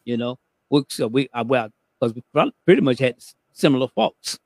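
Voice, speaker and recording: A man in casual conversation with an old friend, telling a story in an animated way with many repeated words. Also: medium pitch, moderate pace, no room sound. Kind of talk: casual chat.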